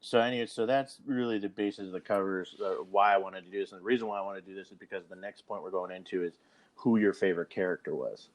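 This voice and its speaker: Low-voiced man leading a rambling chat. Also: fast talker. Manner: rambling, restarts sentences often, leads the discussion. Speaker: podcast co-host. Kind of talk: casual chat.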